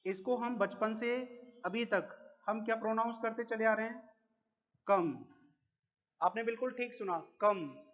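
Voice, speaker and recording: Heard through lo-fi sound, a man's high, fairly bright voice carries an Indian accent as he delivers an English lesson to a class. He speaks slowly, repeats every word, and answers the questions he asks.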